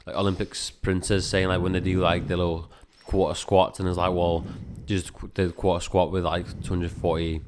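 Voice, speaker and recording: A man's voice: low voice, level tone, normal speed, few pauses, noisy background. A man who cannot pronounce his R's, saying w for r, chatting informally as a coach in an interview, rambling and peppered with filler words. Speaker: strength and conditioning coach being interviewed. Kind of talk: casual interview chat.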